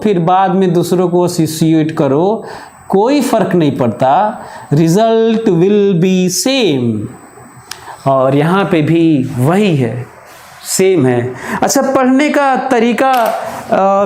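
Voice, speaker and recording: Male physics teacher, slow and measured, pausing to stress points, lecture in a reverberant classroom. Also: sits high, warm tone. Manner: slow and deliberate, with held pauses. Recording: echoey room.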